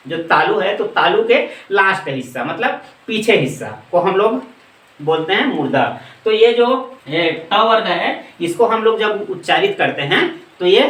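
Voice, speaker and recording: A man teaching a grammar lesson, asking questions and answering them himself, and reciting letters slowly one by one. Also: sits high, fairly bright tone, distant mic. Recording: echoey room, voice off-mic.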